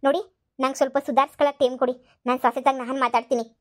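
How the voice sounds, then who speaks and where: A woman's voice: sits high, flat delivery, racing, natural voice. A woman voicing a stubborn older village mother-in-law who scolds and repeats herself. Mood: confused. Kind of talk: cartoon voice acting.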